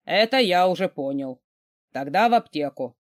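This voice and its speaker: A woman's voice: lowish voice, expressive, normal speed, no echo, studio quality, natural voice. A woman voicing an overbearing wealthy man, a huge mocking boss who barks orders. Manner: gruff, barking, mocking orders.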